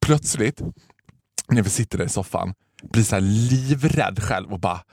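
A man co-hosting a casual comedic podcast chat, telling stories with big swings between hushed asides and mock-dramatic outbursts, mixing languages freely. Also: lowish voice, husky, no room sound, clean studio sound. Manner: animated storyteller, mixes Swedish and English, bursts into mock-exorcist shouting. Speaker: podcast co-host.

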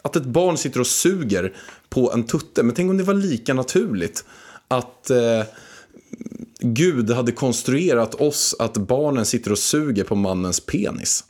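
A man co-hosting a casual podcast, joking and rambling as he thinks out loud. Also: mid-range voice, animated. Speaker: podcast co-host. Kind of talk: casual chat.

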